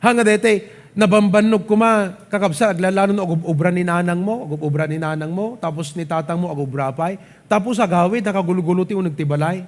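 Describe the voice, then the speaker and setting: A man with a Filipino accent preaching a sermon at church, animated, often asking the congregation to agree and mixing English into his talk. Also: high-pitched, fast talker. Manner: animated, asks the crowd "di ba?" often; mixes English and local speech, light laughs. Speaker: pastor. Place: church service.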